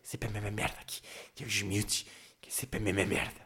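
A man's voice: fairly low pitch, monotone, a little fast, pushed and bright, slightly rough, pitched below the performer's own voice, full character voice. A man voicing a grumbling old female neighbour who mutters complaints under her breath.

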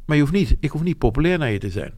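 A man's voice: a little high, sing-song, rapid-fire, darkish tone, no echo, studio quality. A man, talking frankly and at length about his business life, rambling and self-deprecating. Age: 70s. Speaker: interviewee, business owner. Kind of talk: reflective interview talk.

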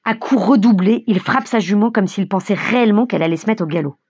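A woman reads a novel aloud in a husky, slightly breathy voice, telling it vividly and with feeling. The recording is close and dry, with no room sound. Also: mid-range voice, fast, dry recording, dull audio. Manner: vivid, expressive storytelling. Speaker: narrator. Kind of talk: audiobook narration of a novel.

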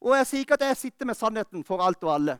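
A man preaching a fervent sermon, rising to urgent calls and then dropping to quiet, personal talk. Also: high voice, lively intonation, clean tone, dry recording, clean studio sound. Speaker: pastor. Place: church.

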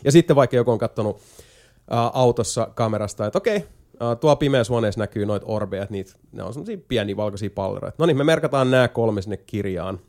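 Man rambling through a game explanation. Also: on the low side. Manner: rambling explainer with many hesitation fillers; jokey, lively storytelling. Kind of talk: casual chat.

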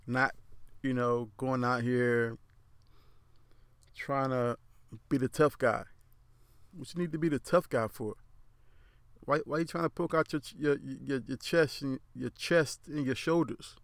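A man's voice: medium pitch, a little slow, pauses often, dry recording. A man with a lisp giving his frank opinions in a casual monologue, rambling and repeating words as he goes. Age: adult. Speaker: commentator.

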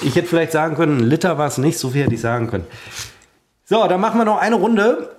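A man's voice: a little high, animated, fast talker, a little hiss or hum. A man co-hosting a podcast, running silly quiz games in playful banter with a mock-serious showman manner. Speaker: podcast co-host.

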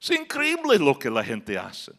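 A man's voice: mid-range voice, huge pitch swings, unhurried, creaky, fairly bright tone. A man preaching a sermon as pastor, building to emphatic outbursts. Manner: preaching with rising emphatic outbursts and acted quotes.

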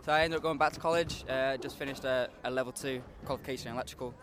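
Fast-talking young man from Liverpool. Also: mid-range voice, steady tone, a crowd in the background. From Liverpool, England. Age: young adult, 19. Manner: hesitant, many filler sounds. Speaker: skateboarder being interviewed. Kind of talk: casual interview answers. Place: outdoor skateboard competition.

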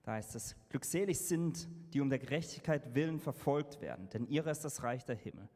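A man's voice: mid-range voice, expressive, darkish tone. Man interpreting a sermon in an echoing hall. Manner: halting, with fillers and self-corrections. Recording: reverberant hall sound.

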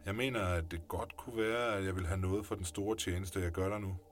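A man's voice: low voice, fairly even intonation, slight background noise, natural voice. A man voicing a bold, teasing young woman. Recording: music playing underneath.

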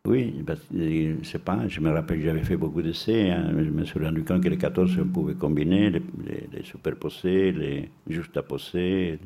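Very deep, gravelly older man. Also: steady tone, normal speed, hardly any pauses, mellow. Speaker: artist discussing own work. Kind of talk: reflective casual talk.

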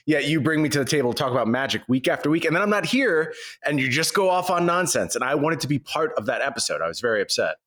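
A man chatting casually as a podcast co-host, recorded on an old microphone in a cavernous, echoey wooden kitchen with high ceilings. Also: sing-song, quick pace, hardly any pauses, fairly bright tone.

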